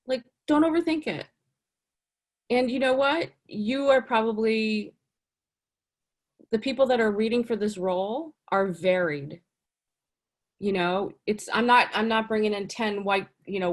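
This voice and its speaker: A woman talking as a casting director in a casual interview, chatty and animated, full of "you know" and "like". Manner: lively, swings up in pitch for emphasis.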